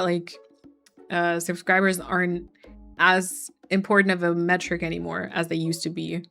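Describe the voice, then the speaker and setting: A woman's voice: lowish voice, a bit bright. Chatty woman streamer, faint music. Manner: chatty, reads chat messages aloud and answers them; frequent fillers like "like" and "um". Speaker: streamer chatting with her chat. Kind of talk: casual live-stream chat.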